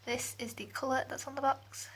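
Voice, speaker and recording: A woman's voice: high voice, flat delivery, normal speed, a bit bright, slight background noise. A woman chatting casually through a beauty product review, recorded in a small bathroom that gives her voice an echo. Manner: chatty, rambling. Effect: room echo off bathroom walls. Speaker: beauty vlogger.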